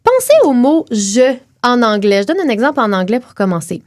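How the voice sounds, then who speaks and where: Lively Québécois woman explaining phonetics. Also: fairly high pitch, dry recording, studio quality. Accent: Québécois French. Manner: clear teacherly delivery, slows to model sounds. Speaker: podcast co-host explaining phonetics. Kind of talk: explanatory podcast chat.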